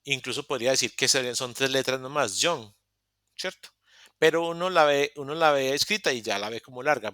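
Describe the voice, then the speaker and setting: A man's voice: medium pitch, bright, forceful tone, no room sound, studio quality. A man teaching an English class over a video call, explaining step by step and often restarting his sentences. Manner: explains step by step with many restarts and self-corrections. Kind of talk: live online class explanation.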